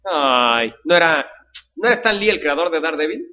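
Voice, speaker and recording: A man's voice: fairly high pitch, sing-song, normal speed, pushed and bright, lo-fi sound. A man with a Mexican accent in casual podcast chat, joking and slangy. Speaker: podcast host.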